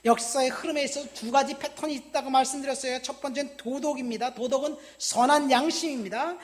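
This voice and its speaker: A woman in her fifties, originally from Busan, delivers a sermon in a high-pitched voice. She hits key words with force, then drops to quiet, almost muttered asides. She keeps turning to the congregation with direct questions. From Busan, South Korea. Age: 50s. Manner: emphatic preaching that swings between loud stresses and quiet, dropped asides. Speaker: pastor.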